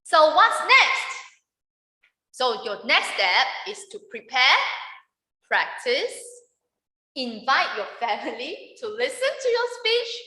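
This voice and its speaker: A woman presents a workshop lesson, speaking slowly and asking her audience for agreement as she goes. Her voice is high, bright and lively in pitch. She is recorded in an echoey club meeting room. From Malaysia. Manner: checks in with the audience often.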